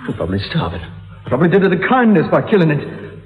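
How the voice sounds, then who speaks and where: Unhinged thriller villain, high swooping voice, rambling, childish, menacing, echoey hall. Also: male voice, wildly swooping pitch, quick pace. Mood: unhinged, gloating. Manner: rambling, giggling, repetitive, menacing. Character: deranged, taunting male killer with childish, volatile temper. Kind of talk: melodramatic film thriller acting. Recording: echoey hall, dull lo-fi, music behind.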